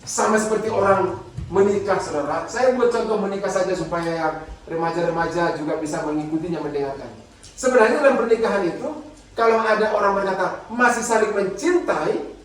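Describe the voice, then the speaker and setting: A man with an Indonesian accent preaching a sermon as pastor, joking and acting out little dialogues. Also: sits high. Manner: humorous, acts out little dialogues. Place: church hall. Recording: very echoey church hall, distant mic.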